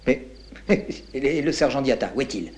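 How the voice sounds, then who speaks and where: An actor playing a calm, courteous army captain speaking on the telephone. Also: male voice, mid-range voice, normal speed, close to an everyday voice. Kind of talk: film drama acting.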